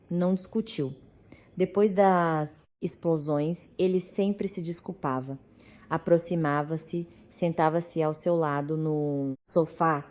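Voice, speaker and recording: A woman reading a dramatic story aloud in a calm, measured narration. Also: lowish voice.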